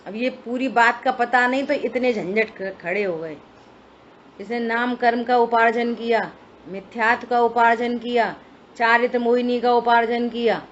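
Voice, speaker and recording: A woman with a fairly high voice leads a scripture study session. She explains each point patiently and keeps checking that her listeners follow. The recording is dull and lo-fi, with a faint hiss underneath. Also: steady tone, moderate pace. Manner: explanatory, asks listeners rhetorical questions. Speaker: scripture teacher. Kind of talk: religious study discourse.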